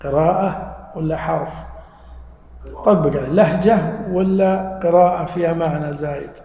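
A man's voice: fairly high pitch, normal speed, creaky, warm tone. A man teaching a religious lesson to a live audience, explaining patiently and quizzing listeners with questions. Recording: echoey hall with long reverb.

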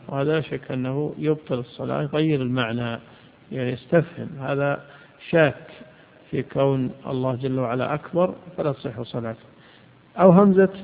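A man's voice: a little high, creaky. A man teaching a religious lesson on jurisprudence, posing questions and answering them himself. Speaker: Islamic scholar teaching jurisprudence. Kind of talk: religious lesson explaining a legal text. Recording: tinny phone-like lo-fi recording.

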